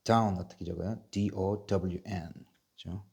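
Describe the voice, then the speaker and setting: A male English teacher running a patient spelling drill, spelling words out slowly letter by letter and coughing now and then from a sore chest. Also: low-pitched, fairly even intonation, vocal fry, a little mellow, breathy edge. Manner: patient, repetitive, asks and answers himself. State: coughing, bronchial trouble. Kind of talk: slow spelling drill lesson.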